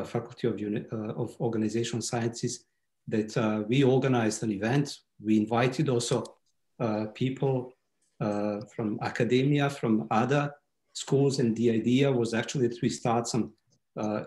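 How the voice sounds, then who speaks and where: A man from Serbia, a native Serbian speaker, presents at an online webinar in a voice of middling pitch. He talks haltingly, filling the pauses with "uh". The room around him is noticeably echoey. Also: darkish tone. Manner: hesitant, many fillers. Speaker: guest speaker. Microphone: video call. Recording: roomy echo.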